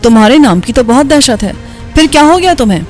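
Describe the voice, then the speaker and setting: A woman's voice: high voice, animated, faint music behind. A woman voicing Gloria, a furious scornful woman. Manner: sharp, contemptuous and shouting. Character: angry scornful young woman gang member.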